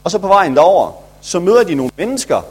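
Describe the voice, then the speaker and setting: A man's voice: high voice, big pitch swings, a little mellow, a little hiss or hum. A man, a pastor, retelling a Bible story for children in a chatty, playful way.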